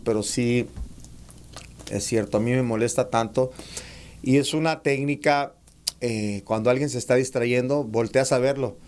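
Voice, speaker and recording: A man giving an online class on public speaking to preachers, calling them brothers, reading comments and demonstrating raised and lowered voice. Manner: addresses listeners as brothers, reads out chat comments; demonstrates shouting and lowering his voice. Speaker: preaching instructor.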